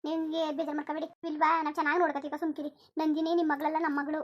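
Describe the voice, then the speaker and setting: A woman's voice: sits high, little pitch movement, racing, muffled recording, close to an everyday voice. A woman voicing a tender, reassuring village mother in a cartoon, coaxing. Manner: soothing, coaxing, repeats endearments. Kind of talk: cartoon voice acting.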